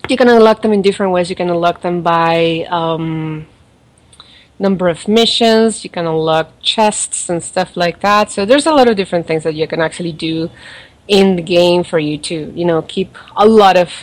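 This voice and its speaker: Fairly low-pitched and moderately paced, a woman with a non-native accent, origin unspecified, casually chats on a podcast while reviewing a mobile game, rambling with fillers and laughs.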